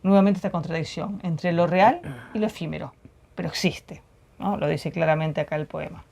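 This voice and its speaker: Female co-host with a low-set voice, reading verse and discussing it thoughtfully. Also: steady tone, gravelly, darkish tone. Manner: reflective, measured, frequent tag questions. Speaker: poetry program co-host.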